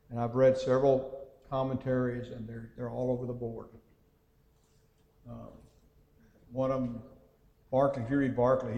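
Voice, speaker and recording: A man teaching a Bible class in a conversational way, thinking aloud with frequent pauses and reading scripture passages aloud. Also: mid-range voice, creaky, a little mellow. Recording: echoey hall with long reverb.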